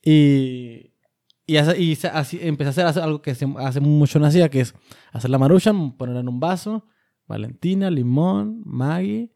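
A man's voice: fairly high pitch, normal speed, creaky, mellow. A man telling a casual story, rambling and correcting himself, with lots of slang. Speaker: podcast co-host. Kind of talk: casual chat.

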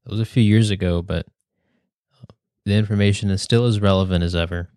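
A young man hosting a podcast, reading a prepared speech in a measured, earnest way. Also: fairly low pitch, steady tone, a little mellow, no room sound, clean studio sound. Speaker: podcast host.

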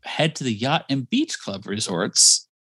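A man co-hosting a podcast who leads the rundown, recapping step by step in relaxed casual chat. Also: medium pitch, a little slow, husky, no room sound. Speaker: podcast co-host leading the episode rundown.

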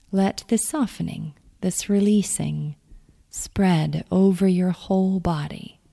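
In a low voice with vocal fry, a female meditation guide gently talks listeners through a calm grounding exercise, her soothing instructions delivered almost in a whisper.

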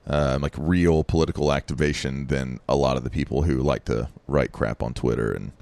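A man's voice: very deep voice, fairly even intonation, a little fast, vocal fry, darkish tone, dry recording. A man co-hosting a podcast, chatting casually and rambling with lots of fillers and restarts. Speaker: podcast co-host.

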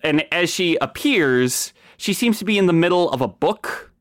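A man improvising narration as a tabletop game master, halting and correcting himself as he describes the scene. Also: fairly high pitch, lively intonation, a bit bright.

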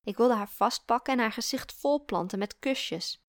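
A woman reading a story aloud in a calm, reflective way. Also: on the high side, moderate pace, dry recording, clean studio sound. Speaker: narrator. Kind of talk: scripted story narration.

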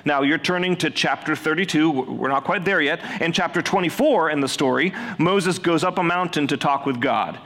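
A man's voice: a little high, normal speed, hardly any pauses, a bit bright. A man in his thirties preaching a sermon in a large church, chatty and self-deprecating, with humorous asides to the congregation. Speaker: pastor. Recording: long reverb of a large hall.

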